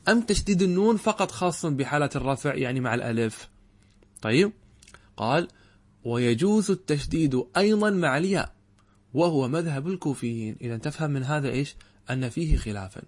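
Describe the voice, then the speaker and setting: A middle-aged man teaching Arabic grammar in a classroom lecture. He keeps asking rhetorical questions and answering them, and slows down to spell out example words. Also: fairly high pitch, animated, no room sound.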